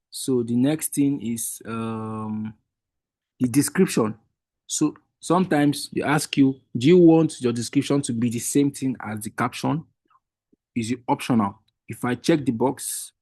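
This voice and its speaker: Warm and medium-pitched, this man's voice is recorded with no room sound. He's a workshop trainer, an Igbo first-language speaker, patiently guiding a webinar group through a screen-share tutorial one step at a time and often starting sentences over.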